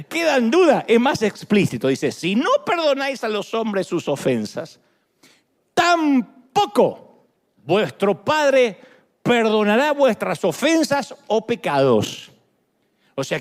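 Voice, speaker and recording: A man in his fifties with an Argentine accent, preaching a sermon in a lively, joking way. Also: high voice. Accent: Argentine Spanish. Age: 50s. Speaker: pastor.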